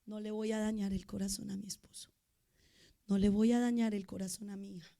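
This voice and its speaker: A middle-aged woman pastor, preaching a sermon with emotion, moving between loud outbursts and soft asides. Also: medium pitch, flat delivery, a little fast, vocal fry.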